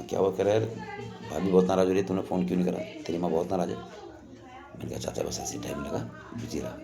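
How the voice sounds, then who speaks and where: With a deep, creaky, somewhat mellow voice, an older man tells a story from his own past. It's rambling and conversational, and he regularly imitates what others told him.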